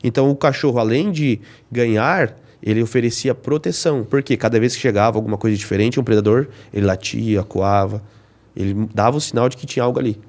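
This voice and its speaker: A man's voice: mid-range voice, fairly quick, darkish tone. A man explaining dog training as a podcast guest, teaching with everyday examples and rhetorical questions.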